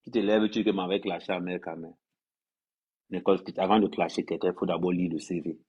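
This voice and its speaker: Talking fast in a deep, husky voice with fairly even intonation, a Cameroonian influencer rants at his livestream followers, scolding them and repeating phrases to hammer them in. The sound quality is lo-fi.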